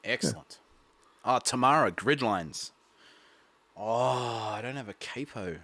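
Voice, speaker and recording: A man's voice: mid-range voice, animated, slow pace, sharp tone. A man hosting a music livestream, chatting casually and reading out viewer comments with a laugh. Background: guitar playing.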